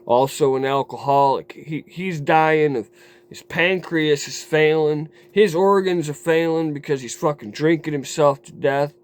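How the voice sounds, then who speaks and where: A man telling a raw personal story to his camera in a rambling, profane way, dropping low and quiet, then flaring into heated outbursts. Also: fairly even intonation, a little slow, smooth. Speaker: vlogger. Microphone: camera mic.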